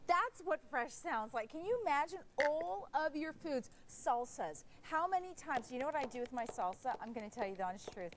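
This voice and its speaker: A woman hosting a home shopping show, giving an emphatic sales pitch that repeats key phrases. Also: lively intonation, a little fast, few pauses, a little hiss or hum.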